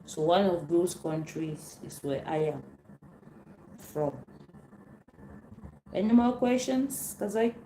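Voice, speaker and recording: A woman from Cameroon, hosting a casual live Q&A and answering viewer questions, unhurried and often repeating herself as she searches for words. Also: fairly low pitch, lively intonation, dark tone. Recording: roomy echo, faint background noise.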